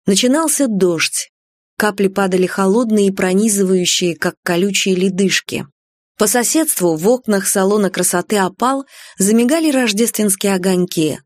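A woman narrating a novel as an audiobook reader in an even, measured way. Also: mid-range voice, dry recording. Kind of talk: scripted narration.

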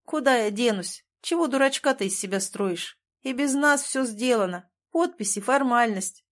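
A woman's voice: on the high side, expressive, normal speed, voice pushed up, close to an everyday voice. A woman reading the lines of a cautious, defensive office worker nearing forty who grumbles and placates. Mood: grumbling.

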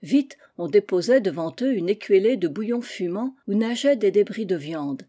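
A woman narrates a classic literary tale in a calm, measured audiobook reading. Her tone is mellow and warm, and her pitch is average. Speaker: audiobook reader.

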